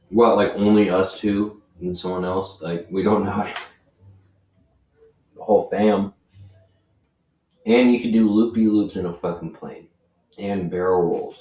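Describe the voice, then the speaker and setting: A young man talks loosely and profanely on a podcast in a very deep voice. He sounds set back from the mic in an echoey room, and the recording is muffled with a faint hiss underneath. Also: warm tone. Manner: laid-back, swears a lot, slangy. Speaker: podcast co-host. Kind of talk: casual chat. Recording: roomy, distant, dull lo-fi mic with faint hiss.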